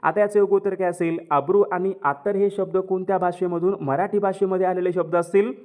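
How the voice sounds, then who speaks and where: Male teacher, high voice, quizzes then answers, repeats key words. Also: fairly even intonation, brisk, darkish tone. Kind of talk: exam question walkthrough.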